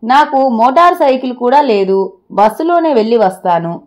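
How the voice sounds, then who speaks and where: A woman's voice: fairly high pitch, lively intonation, moderate pace, natural voice. A woman voicing a flustered, anxious husband. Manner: worried, pleading questions. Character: anxious bewildered husband, middle-aged man.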